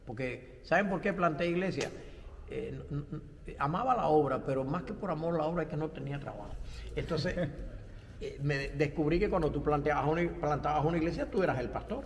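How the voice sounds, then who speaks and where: A man's voice: a little high, expressive, fairly quick, big-room sound, a little hiss or hum. An older man from Cuba, a pastor and theology professor, answering interview questions in a reflective way with light self-deprecating humor. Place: studio set with bright backdrop.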